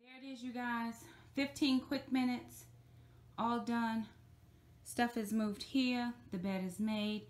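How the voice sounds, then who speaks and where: A woman's voice: a little high, fairly even intonation. A middle-aged woman vlogging casually about tidying her bedroom, talking in a chatty, upbeat way into a phone camera held at arm's length. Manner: chatty and upbeat, drawn-out emphasis. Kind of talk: casual cleaning vlog. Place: bedroom in a home.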